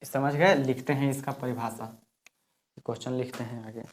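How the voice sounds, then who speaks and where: A man's voice: medium pitch, fairly even intonation, normal speed, a little hiss or hum. Male physics teacher at a board, patient step-by-step explainer who repeats key terms, voice fades as he turns to write. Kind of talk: classroom lesson at a board.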